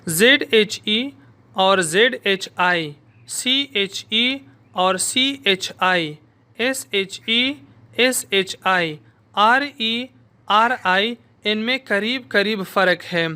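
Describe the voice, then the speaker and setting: A woman teaching pronunciation, speaking slowly and deliberately and repeating each sound several times in drills. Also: medium pitch, sharp tone. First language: Urdu. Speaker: language teacher. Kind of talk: pronunciation lesson with drilled repetitions.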